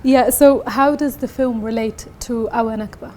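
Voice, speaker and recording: A woman's voice: a little high, steady tone, measured pace, darkish tone. A woman of Palestinian origin interviewing a guest, asking brief questions and giving short affirming murmurs. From Palestinian, from Hebron.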